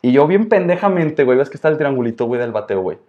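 A man's voice: mid-range voice, sing-song, rapid-fire, muffled recording. Slangy Mexican man telling stories. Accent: Mexican Spanish. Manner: slangy, fills every phrase with filler slang. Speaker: podcast co-host. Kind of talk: casual storytelling chat.

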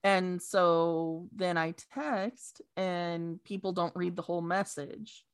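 A woman speaking as a guest in a casual interview, hesitant with many pauses and fillers. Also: lowish voice, steady tone, smooth.

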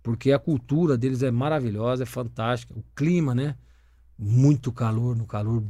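A man's voice: medium pitch, normal speed, no room sound, studio quality. A middle-aged Brazilian man, a former footballer turned broadcaster, chatting casually in an interview and telling stories with lots of swearing. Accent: Brazilian Portuguese. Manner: animated storyteller, swears freely.

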